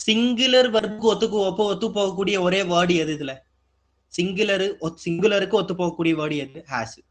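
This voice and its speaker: Speaking fairly quickly in a high voice, this man leads an exam-prep grammar class. His style is repetitive: he poses questions to the students, supplies the answers, and goes over the main points again.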